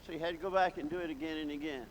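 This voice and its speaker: A man's voice: on the high side, fairly even intonation, racing. A man preaching a sermon, telling folksy stories from his past and building to emphatic exclamations. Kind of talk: sermon with storytelling. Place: large church hall. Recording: long hall reverb, faint background noise.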